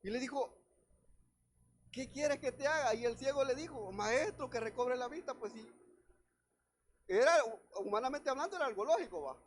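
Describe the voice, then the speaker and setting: A man's voice: extremely high pitch, expressive, moderate pace, long pauses, slightly rough. A man preaching a sermon as pastor at a church service, reading scripture aloud and speaking directly to the congregation. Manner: preaches directly to the congregation, often calling out "hermano"; reads scripture aloud and then explains it.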